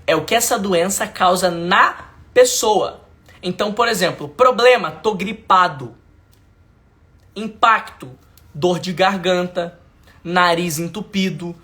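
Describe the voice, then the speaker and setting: Pushed and bright, this man's voice sits high as he mentors a live online class in a Brazilian Portuguese accent. He speaks emphatically and informally with slang, says points again, addresses viewers directly, and keeps checking that the audience follows.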